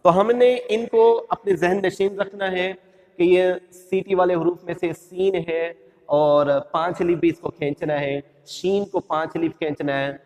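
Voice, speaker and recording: Male Quran teacher, Pakistani Urdu accent, patient and repetitive, high voice in a reverberant room. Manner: patient, repeats rules, draws out letter sounds. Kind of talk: step-by-step recitation lesson.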